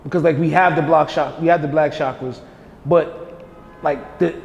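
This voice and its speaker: A man's voice: a little high, steady tone, moderate pace, gravelly, highs cut off. A man hosting a podcast as a spoken word poet, telling stories in a laid-back, slangy way and laughing often. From Jamaica. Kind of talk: casual conversation. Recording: echoey room with reverb.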